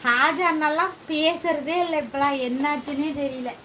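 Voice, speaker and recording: A high-pitched woman with a Tamil accent runs a chatty live stream from her kitchen, cooking as she greets viewers one after another. She talks into a phone, with faint noise in the background. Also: normal speed. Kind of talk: casual live chat reading viewer comments.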